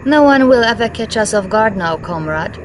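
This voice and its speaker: An actress voices a loyal, composed Soviet intelligence lieutenant with a Russian accent, dutifully briefing in a game cutscene and sounding satisfied. Her medium-pitched female voice is animated, at a moderate pace, close to everyday speech, with slight background noise.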